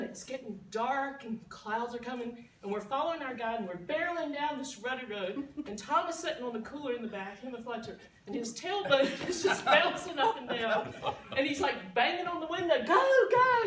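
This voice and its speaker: A woman telling a lively, laughing story as a party guest giving a toast. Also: high-pitched, a little fast, crowd noise. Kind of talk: storytelling speech. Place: party room. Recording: echoey room, distant mic.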